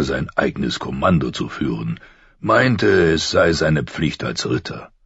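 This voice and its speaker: A man voicing a stern, weary old military commander with a deep, gravelly voice. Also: no room sound, dull audio, exaggerated voice.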